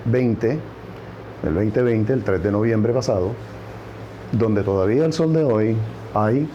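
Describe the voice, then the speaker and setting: A man's voice: fairly low pitch, takes it slowly, lo-fi sound, slight background noise. A man with a Puerto Rican accent giving political commentary on a news program, stressing points by repeating words. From Puerto Rico.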